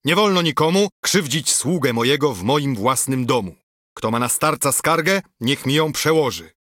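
A man voicing a haughty noble count who commands sharply, with a slightly husky voice. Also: medium pitch, animated, normal speed, a bit bright, no echo, clean studio sound, voice pushed up. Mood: commanding. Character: haughty noble count, protective of his servant.

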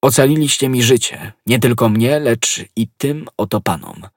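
An impetuous young swordsman, urgent and earnest, as a male narrator voices him. The voice is husky and lifted above the reader's own low register, and it sounds close and dry. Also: moderate pace, no echo. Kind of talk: audiobook reading.

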